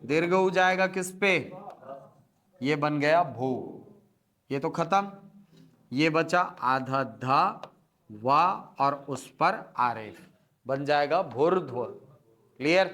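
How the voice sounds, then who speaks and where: A man lectures to a room of students in a slow, deliberate way, taking words apart sound by sound. His voice sits a little high, and he keeps asking whether everyone has understood. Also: a bit bright. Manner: checks with students often, spells words out slowly. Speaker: teacher. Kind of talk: classroom lecture. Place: classroom.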